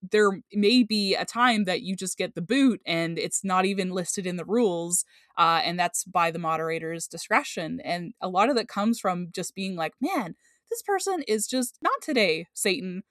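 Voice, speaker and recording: A woman's voice: on the low side, normal speed, a bit bright, no room sound, clean studio sound. A woman hosting a podcast, talking in a conversational, emphatic way with playful asides. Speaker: podcast host. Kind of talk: casual podcast chat.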